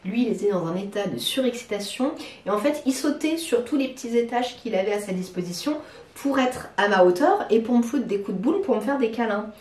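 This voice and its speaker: A woman's voice: on the high side, expressive, fairly quick, a little mellow. A woman from France chatting casually to camera about her houseplants, hesitant, with many fillers and restarts, recorded at home in her living room. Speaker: plant vlogger. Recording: roomy, from a distance.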